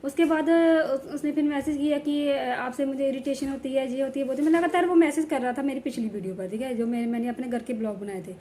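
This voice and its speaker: Woman home vlogger, high warm voice, chatty and rambling, casual talk to camera. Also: fairly even intonation, fast, few pauses, a little hiss or hum. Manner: chatty and rambling, ending points with "theek hai". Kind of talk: casual vlog chat to viewers.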